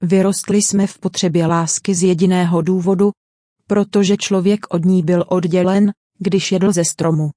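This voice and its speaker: A woman's voice: fairly low pitch, fairly even intonation, warm tone, dry recording, clean studio sound. Earnest woman reading a dubbed sermon. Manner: earnest, direct storytelling preaching. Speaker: voice-over translator of a preacher.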